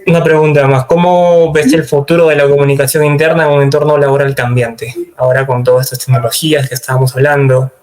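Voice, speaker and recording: Flat-toned agreeable male host. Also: medium pitch. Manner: agreeable, measured, asks questions. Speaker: interview host. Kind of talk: interview conversation.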